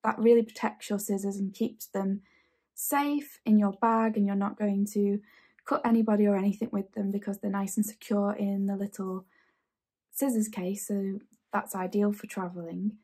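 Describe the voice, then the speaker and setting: Chatty woman with a breathy voice. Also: mid-range voice, fairly even intonation, normal speed, dark tone. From England. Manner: chatty, enthusiastic, repeats phrases. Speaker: sewing channel host. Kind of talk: casual tutorial. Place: home sewing room, indoors.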